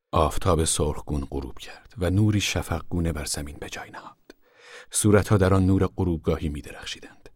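A man reads a novel aloud in a soft, hushed, measured way. His voice is very deep and husky, and the recording is dry and close, with no room sound at all. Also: no echo. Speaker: narrator. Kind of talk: audiobook narration of a novel.

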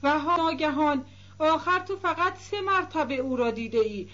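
A woman's voice: high-pitched, fairly bright tone. A woman reading a storybook voicing an anxious young woman who questions and pleads, in a dull echoey recording. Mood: pleading.

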